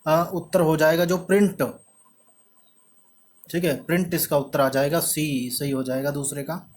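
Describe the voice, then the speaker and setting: A male teacher with an Indian accent explaining an English textbook lesson in Hindi and English, slowly spelling out words and repeating himself. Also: fairly high pitch, flat delivery, a little mellow. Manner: slow, spells words letter by letter; repeats "ठीक है" after each point.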